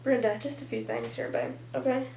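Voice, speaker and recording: A woman's voice: sits high, very animated, a little fast, a little mellow. A woman reading comments aloud and answering them in a sarcastic, pointed, casual manner. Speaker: vlogger responding to online comments. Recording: echoey room, off-mic, background hum.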